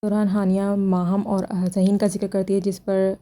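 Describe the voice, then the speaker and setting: A woman's voice: mid-range voice, completely flat delivery, dark tone. A woman retelling drama episodes scene by scene, with critical remarks in between. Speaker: drama reviewer. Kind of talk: drama episode recap and review.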